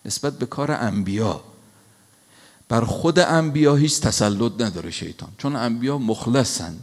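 A man giving a religious sermon, telling a scripture story slowly and emphatically, with recited verses. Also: mid-range voice, lively intonation. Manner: slow, emphatic storytelling with quoted Quranic Arabic. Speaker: preacher. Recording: long hall reverb.

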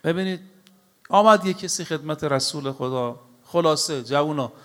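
A man preaching a sermon to a congregation. He tells stories and recites scripture, and he speaks emphatically, often addressing his listeners directly. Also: on the high side. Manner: storytelling with recited Arabic scripture.

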